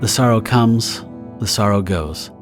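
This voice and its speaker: Over a prominent bed of music, a very low-voiced man narrates pulp-style audio drama with scripted, dramatic storytelling. He takes it a little slow.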